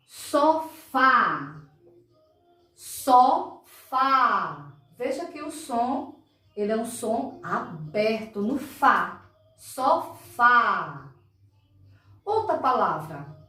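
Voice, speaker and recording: With a sing-song, fairly bright voice on the high side, a Brazilian woman teaches young children in a recorded class. She stretches out each word emphatically and frequently asks "tá?", heard from a far-off mic in an echoey room.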